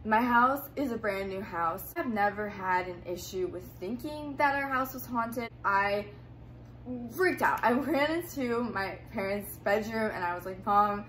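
A woman's voice: mid-range voice, animated, unhurried, a bit bright, a little hiss or hum. A young woman telling a personal story in a casual, chatty way, full of fillers. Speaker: YouTuber.

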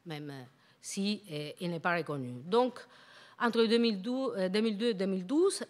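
A middle-aged native Spanish-speaking woman with a foreign, Latin American Spanish accent in French, giving a public academic lecture and often halting to search for words. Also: mid-range voice. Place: indoor lecture hall at a university. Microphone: handheld-type microphone on a stand.

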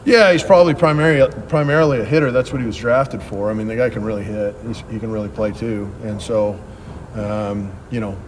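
A middle-aged head coach fields reporters' questions after a game, speaking quickly and bluntly. He often restarts his sentences mid-thought. A light background hum sits under his voice. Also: mid-range voice. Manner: quick, plain-spoken answers with frequent restarts. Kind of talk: postgame press conference. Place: press backdrop at a ballpark.

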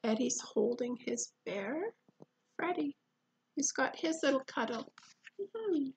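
Brief: gentle female storyteller, interactive picture-book reading, high and very slow. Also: sing-song, vocal fry, husky, low-quality recording. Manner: gentle, questioning, drops to whispers.

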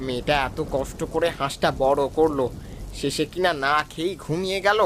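A man voicing a fair-minded village father in a cartoon, with a calm, firm way of speaking. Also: on the high side, brisk, slight background noise, natural voice.

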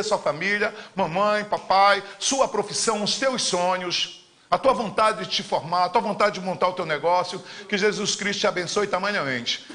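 Fiery Paraense man in his fifties, bright tone. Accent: Paraense Brazilian Portuguese. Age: 50s. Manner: emphatic and fiery, swinging between loud declarations and low asides; gestures broadly with his arms while talking. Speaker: politician hosting a live Q&A. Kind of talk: live-streamed campaign talk. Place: indoor studio in front of a green screen.

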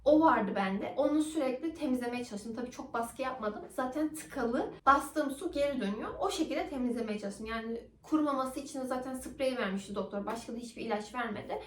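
Young woman vlogging, chatty and animated, bit high voice, echoey room, kinda far from mic. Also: brisk, hardly any pauses. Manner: animated, acts out quoted dialogue. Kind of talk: casual storytelling to camera. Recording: roomy echo, somewhat off-mic.

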